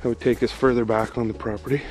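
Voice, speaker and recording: A man's voice: mid-range voice, quick pace. A man narrating his walk through snowy woods, out of breath as he climbs, in an easygoing, observant way. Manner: relaxed, observant, easygoing guide. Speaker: vlogger on a woodland walk. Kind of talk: casual walking narration.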